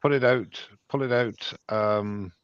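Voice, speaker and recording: A man with a lowish voice co-hosts a woodturning call, giving step-by-step directions and chuckling often. He repeats himself as he talks. The audio is dull, dry and lo-fi. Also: slow pace, clear, resonant tone, no room sound. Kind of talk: casual live-stream chat.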